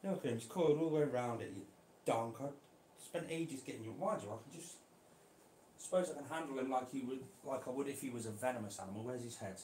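A man keeping reptiles, chatting casually to viewers while gently coaxing and handling a snake indoors. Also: mid-range voice, fast talker, reverberant, a little hiss or hum. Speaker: reptile keeper vlogger. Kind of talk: casual vlog. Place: indoor room.

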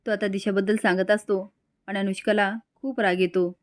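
A woman retells a TV serial episode as narrator, steady in her storytelling. Her voice sits at a middle pitch. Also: normal speed.

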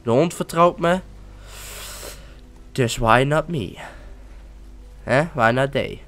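A man giving casual commentary while playing a game, excitable and often swearing or exclaiming. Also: mid-range voice, takes it slowly. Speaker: let's-play gamer.

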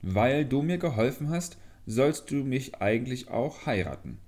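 A tiny young man who speaks from inside a bamboo stalk, raised in pitch and plaintive, yet insistent when he gives orders. A male narrator puts this voice on as he reads the fairy tale aloud. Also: animated, measured pace, a little mellow, natural voice. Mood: courting. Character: tiny young man trapped in bamboo, pleading then commanding.

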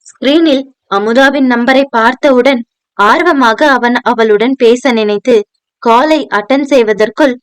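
Smooth, clear female audio novel narrator. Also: a little high, a little slow, dry recording. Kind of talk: scripted narration.

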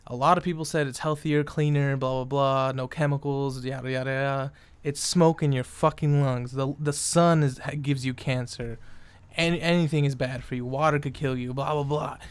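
A man's voice: medium pitch, steady tone, normal speed, smooth, dry recording. A young man in a casual, profane, rambling rant, exasperated and full of fillers and restarts. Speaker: vlogger.

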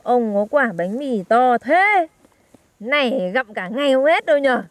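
Young woman, teasing and exclaiming, high lively voice, dry close sound. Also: measured pace, dry recording. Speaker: teasing granddaughter in skit. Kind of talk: comedy skit acting.

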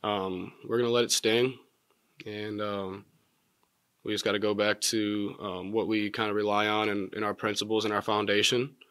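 A young man in his twenties, a college basketball player, answers postgame press questions in a measured way, filling pauses with many ums. His voice sits low and stays level, with little rise or fall. The sound is dry and close, from a table mic in a press room. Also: flat delivery, a bit bright, clean tone, no room sound. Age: 20s. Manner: measured, many filler words. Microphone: table mic in front.

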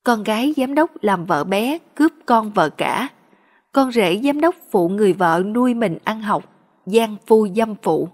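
A woman narrating a dramatic story in an expressive, steady way. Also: mid-range voice, measured pace.

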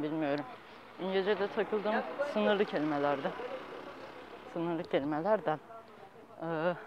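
A young adult man vlogging casually as he walks, talking in halting, rambling fragments and often correcting himself. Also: high-pitched. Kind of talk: casual walking vlog. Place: outdoors, walking on city streets. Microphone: handheld phone at arm's length. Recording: dull handheld phone, outdoor street noise.

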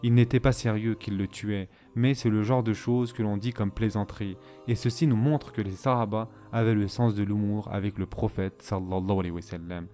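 Mellow-voiced man lecturing calmly. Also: on the low side, soft background music. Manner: measured, explanatory, with frequent Arabic phrases. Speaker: Islamic history teacher. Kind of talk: French voice-over lecture on Islamic history.

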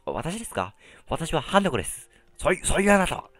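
A man's voice: a little high, very animated, fast, fairly bright tone, no room sound, soft background music, pitched above the performer's own voice. A man voicing a polite, friendly young girl ghost from a horror game's dialogue. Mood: polite, curious.

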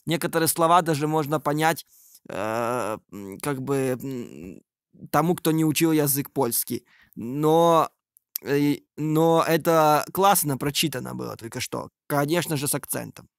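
A man with a gravelly creak gives casual screen-recording commentary. He thinks aloud hesitantly, in a dry, close sound. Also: fairly high pitch, lively intonation, measured pace, dry recording. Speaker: video creator.

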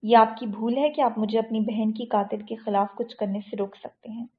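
A defiant, vengeful young man with a raised voice and a somewhat high pitch, read by a woman narrator in an audiobook. There is a rough gravel in the voice and the audio is tinny. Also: fairly even intonation, close to an everyday voice. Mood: furious. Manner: shouting, defiant.

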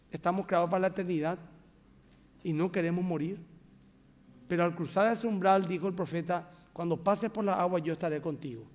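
A man's voice: sits high, darkish tone, long reverb tail. A man pastor with a Paraguayan accent preaching a sermon, emphatic and conversational, speaking straight to the congregation in a large church. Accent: Paraguayan Spanish.

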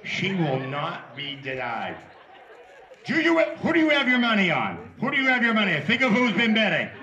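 A man working as a live auctioneer, calling out to a crowd like a showman with drawn-out, projected calls. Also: high voice, huge pitch swings, far from the mic, lo-fi sound. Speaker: charity auctioneer. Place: large outdoor courtyard dinner event. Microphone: handheld microphone through PA. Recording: echoey PA from afar, crowd noise.

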